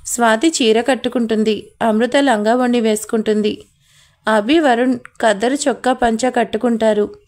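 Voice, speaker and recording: A woman tells a family story in plain, even narration. Her voice sits slightly high for a woman. She reads every part herself without changing voices much. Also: normal speed.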